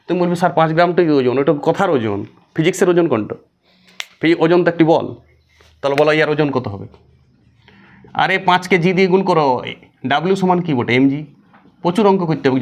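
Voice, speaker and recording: A man teaching a physics lesson, asking the class questions and answering them himself. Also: on the high side. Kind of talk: classroom lecture.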